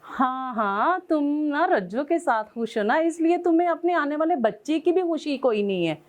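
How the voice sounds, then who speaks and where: High-voiced scolding woman. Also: animated, moderate pace. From Pakistan. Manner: scolding, indignant, pleading. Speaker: caller, estranged wife. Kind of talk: angry phone call to husband.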